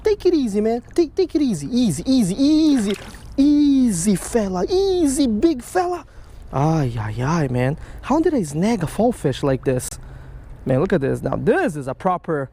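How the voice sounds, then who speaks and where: His pitch is extremely high as this fishing vlogger excitedly talks to the fish and his viewers in casual running commentary. He's outdoors by a creek under a stone bridge, recording with a chest-mounted action camera.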